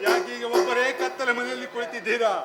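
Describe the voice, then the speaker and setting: Man as an earnest, fairly high-voiced son, music underneath. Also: little pitch movement, fast. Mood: consoling. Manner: earnest, persuasive. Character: young son consoling his widowed father. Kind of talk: village stage play acting. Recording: music playing behind.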